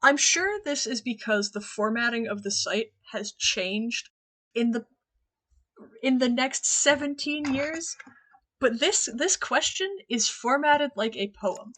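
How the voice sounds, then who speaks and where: A woman's voice: a little high, slow, a bit bright. A woman streamer talking casually to her chat while playing a game, chatty and rambling, often laughing.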